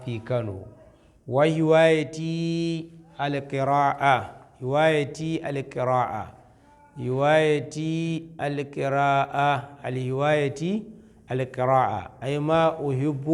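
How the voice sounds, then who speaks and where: A man, a Hausa speaker, teaching an Arabic lesson. He repeats each phrase slowly and then explains it. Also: mid-range voice. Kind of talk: classroom-style language lesson.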